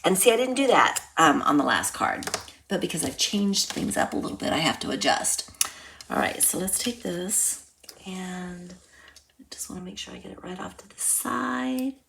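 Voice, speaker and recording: A woman teaching a casual card-making tutorial, chatty and thinking aloud as she works, sometimes dropping to soft near-whispers while she concentrates. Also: lowish voice, animated, normal speed, creaky, a little hiss or hum. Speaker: craft instructor.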